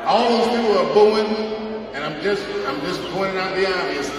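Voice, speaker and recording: A man doing live stand-up crowd work, loud, profane and teasing, on a big arena stage. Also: high-pitched, normal speed, over music. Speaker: stand-up comedian. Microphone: handheld mic, filmed from far seats. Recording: echoey arena from far off, roaring crowd.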